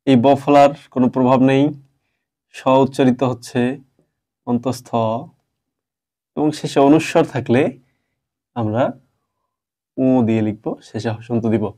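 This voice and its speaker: A man teaches a grammar lesson. He walks through each point step by step and keeps asking his students questions as he goes. His voice sits at an ordinary middle pitch. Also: a little slow, pauses often, warm tone. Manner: explains step by step, asks the class questions.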